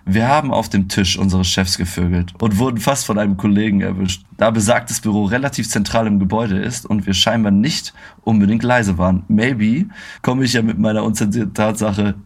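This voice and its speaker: A young man co-hosting a casual podcast, telling slangy, excitable stories with bursts of laughter. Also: on the low side, brisk. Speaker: podcast co-host. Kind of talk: casual chat.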